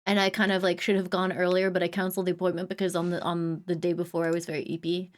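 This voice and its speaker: A woman live streamer chatting casually, humming little filler sounds and greeting viewers with bursts of excitement. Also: on the low side, quick pace. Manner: chatty, hums and scats little filler sounds between thoughts.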